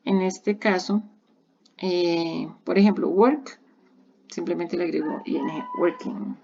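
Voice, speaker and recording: A woman teaches English grammar in a recorded online lesson. Her voice sits low, with a gravelly edge. She explains patiently, step by step, repeating each example, and the recording sounds dull and lo-fi. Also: slow pace, warm tone.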